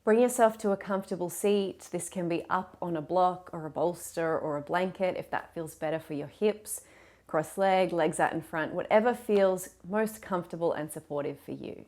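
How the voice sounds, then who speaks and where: A woman with a voice on the low side leads a guided yoga class. She cues breath and movement gently and encouragingly, never hurrying.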